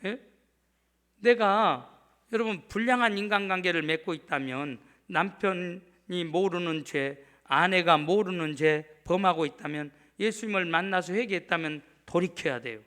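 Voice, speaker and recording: A man's voice: high voice, normal speed, fairly bright tone. A middle-aged male pastor preaching a sermon emphatically, often asking the congregation to answer back. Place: church sanctuary.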